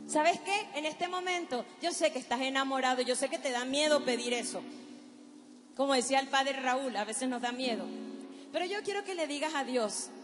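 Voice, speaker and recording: High-voiced woman preaching in hall. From Paraguay. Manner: emphatic, directs the crowd, slows for dramatic effect. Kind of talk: testimony and prayer preaching at a youth event. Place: large hall with live audience. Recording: reverberant hall with background music.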